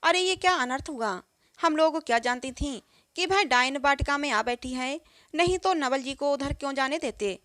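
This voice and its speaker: A woman reading the lines of frightened, gossiping village women, excited and chattering, in her own voice. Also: high-pitched, moderate pace, dry recording, studio quality. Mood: alarmed.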